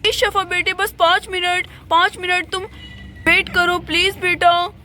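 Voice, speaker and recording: A woman's voice: extremely high pitch, little pitch movement, measured pace, pushed and bright, full character voice. Woman voicing a flustered henpecked dad. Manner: pleading, apologetic. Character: flustered apologetic father, henpecked husband. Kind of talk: doll play-acting.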